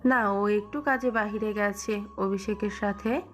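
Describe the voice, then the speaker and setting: A woman voicing a gentle, soothing middle-aged mother who speaks mildly. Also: medium pitch, fairly even intonation, unhurried, faint music behind, pitched below the performer's own voice, lightly acted. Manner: soothing, mild.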